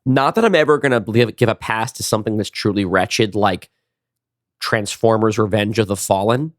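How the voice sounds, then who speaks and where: A man with a fairly low-pitched voice co-hosts a podcast, chatting casually behind the scenes about writing. As a writer working out his thoughts, he halts, restarts often, and repeats words. The audio is studio quality with no room sound.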